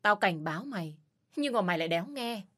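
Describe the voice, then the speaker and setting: Woman putting on a fierce, protective man, swearing and shouting threats; audio story, mid-range voice. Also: medium pitch, animated, fast. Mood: furious. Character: fierce protective adult man, foul-mouthed.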